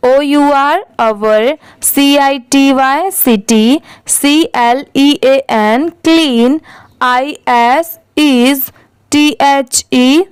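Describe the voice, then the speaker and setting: A woman teacher who spells out each English word letter by letter, then says it slowly in a reading lesson. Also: sits high, clear, resonant tone, no echo.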